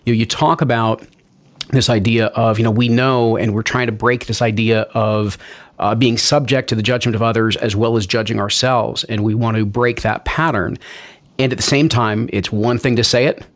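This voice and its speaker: A man's voice: medium pitch, fairly even intonation, moderate pace, no room sound. A man hosting an interview, asking long, winding, thoughtful questions and encouraging his listeners. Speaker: podcast host. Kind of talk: interview conversation.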